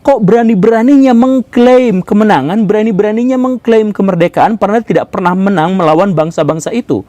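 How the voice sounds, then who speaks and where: A man's voice: high voice, brisk, darkish tone, no echo, natural voice. A man playing a boastful, lecturing Japanese man. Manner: scolding, argumentative, rhetorical questions.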